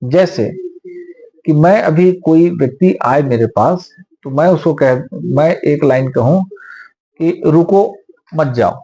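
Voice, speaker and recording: A man, a senior advocate, answers interview questions in a measured, lecturing manner. His voice sits a little high, with a husky, mellow tone. He explains law patiently with everyday examples.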